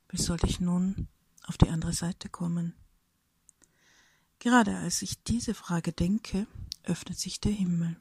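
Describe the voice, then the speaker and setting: A woman reading a reflective personal story aloud in a soft, breathy whisper, slowly and thoughtfully. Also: fairly low pitch, no room sound.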